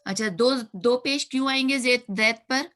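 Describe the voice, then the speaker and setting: A woman's voice: a little high, normal speed, a bit bright. A woman teaching an online grammar class, patiently repeating and spelling out sounds. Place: online video class room.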